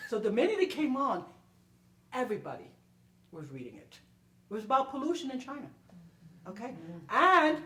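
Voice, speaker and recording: With a fairly high, slightly bright voice, a performer on a panel answers her audience through animated conversational storytelling, emphatic and repetitive with frequent "okay?" check-ins. The far microphone in an indoor library room yields a roomy sound with faint noise.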